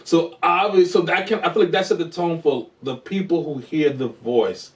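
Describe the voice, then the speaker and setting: A man co-hosting a TV review show, chatting casually in an animated, joking way and laughing often. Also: fairly high pitch, moderate pace. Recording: roomy, distant from the mic.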